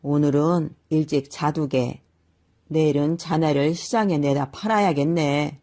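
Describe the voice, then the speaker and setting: A woman voicing a sly old man who makes masks, speaking slowly and knowingly and calling out to buyers at a market. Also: deep voice. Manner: unhurried, knowing, hawking loudly at market.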